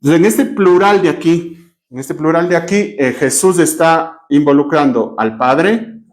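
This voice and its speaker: A man's voice: fairly high pitch, unhurried. A man with a Cuenca Ecuadorian accent teaching a Bible class, questioning his students and spelling out terms as he writes on a board. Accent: Ecuadorian Spanish, Cuenca.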